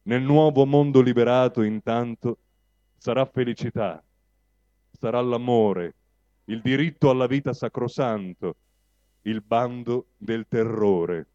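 A man reads verse aloud in a slow, deliberate way, weighing each line. His voice sits mid-height with a mellow, darker colour. The sound is dry and a little dull, like a lo-fi live recording. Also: mid-range voice, clean tone, no echo. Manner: slow, measured declamation. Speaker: reader at a public evening. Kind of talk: introducing and reciting a poem. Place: cultural evening in a cinema venue.

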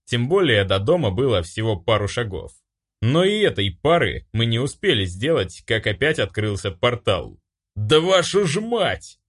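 A man giving a wry, brisk first-person narration of a fantasy audiobook. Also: fairly low pitch, very animated, breathy edge.

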